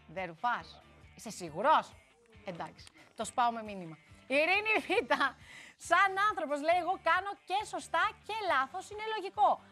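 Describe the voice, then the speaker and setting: High-voiced chatty woman TV host. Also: fairly bright tone. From Greece. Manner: chatty, teasing, reads viewer messages aloud. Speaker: TV show host. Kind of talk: lively live TV presenting.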